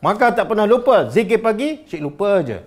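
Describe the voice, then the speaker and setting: Speaking briskly and at a high pitch, a man with a Malaysian Malay accent gives a religious lecture. He pelts the audience with rhetorical questions in an animated manner.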